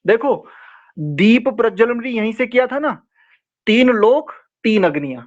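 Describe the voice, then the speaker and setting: A man teaching an online scripture class, explaining mantras and chanting them slowly, correcting pronunciation syllable by syllable. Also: high-pitched, muffled recording. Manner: slow, drawn-out chanting of mantras between explanations. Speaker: Vedic teacher.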